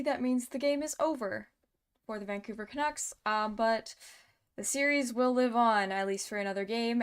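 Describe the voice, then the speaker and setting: A woman's voice: medium pitch, clean tone. A young woman hosting a casual post-game hockey analysis, chatty with sarcastic asides and lots of fillers. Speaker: host.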